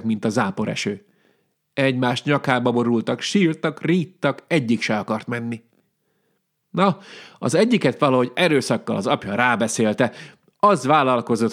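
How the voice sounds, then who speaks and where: A man telling a folk tale to listeners, lively and speaking to them directly. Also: medium pitch. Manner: animated, addresses listeners directly. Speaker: storyteller.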